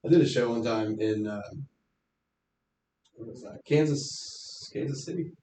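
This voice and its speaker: A man's voice: medium pitch, measured pace, dark tone, reverberant, slight background noise. A man, a stand-up comedian guest, telling rambling, sarcastic stories in a casual interview chat. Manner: rambling storyteller, jokey and sarcastic.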